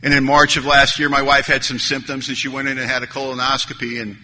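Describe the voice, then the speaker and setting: Bright-voiced man telling his recovery story. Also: mid-range voice, monotone, fast talker. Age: 30s or older. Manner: earnest, storytelling, acts out dialogue. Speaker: AA speaker. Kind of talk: recovery talk to an audience. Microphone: stage microphone. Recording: hall reverb, faint noise.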